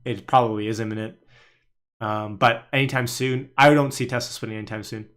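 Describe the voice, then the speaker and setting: A young Canadian man runs a casual stock market livestream as a host and day trader. His mid-range voice is steady, fairly bright, and a little fast. He's chatty and laughs while reading viewer comments aloud.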